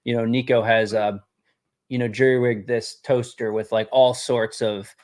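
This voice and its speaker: A man's voice: medium pitch, little pitch movement, normal speed, darkish tone. A man hosting a casual live demo, rambling, repeating words and laughing easily. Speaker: host demoing a game tool.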